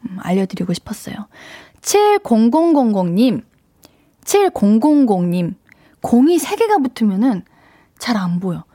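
A woman's voice: a little high, sing-song, normal speed, warm tone, no room sound. Playful woman radio DJ, dry studio. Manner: playful, chatty, tries out dialect phrases. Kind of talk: casual radio show reading listener messages. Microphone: studio mic.

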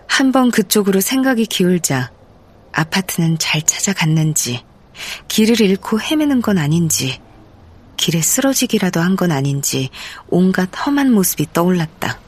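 A woman narrating a first-person literary audiobook in a measured, expressive way, in a studio. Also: fairly low pitch, breathy edge. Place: recording studio. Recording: dry studio.

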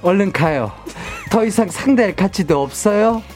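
A man's voice: sits high, animated, moderate pace, a little mellow, faint music behind. A man playing a petty, thrice-married husband in a radio reenactment of a melodrama, speaking in an overly gallant, protective way.

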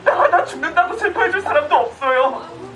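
A man's voice: very high-pitched, fairly quick, echoey room, distant mic, crowd noise, low-quality recording. A young actor playing a stubborn nineteen-year-old orphan student, pleading earnestly and raising his voice. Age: young adult.

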